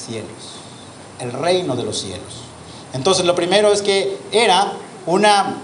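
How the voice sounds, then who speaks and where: High-voiced Mexican pastor preaching in an echoey church. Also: male voice. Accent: Mexican Spanish. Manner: preaching with drawn-out emphasis and rhetorical questions to the congregation. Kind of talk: sermon. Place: church hall. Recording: echoey church hall with faint noise.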